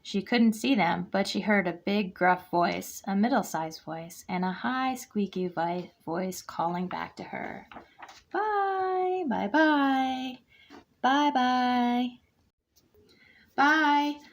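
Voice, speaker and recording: Give me a woman slowly reading a children's storybook aloud, expressive and lively. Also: on the low side, creaky. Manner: expressive, acts out character lines. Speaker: guest reader for a kindergarten class. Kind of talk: children's picture book read-aloud.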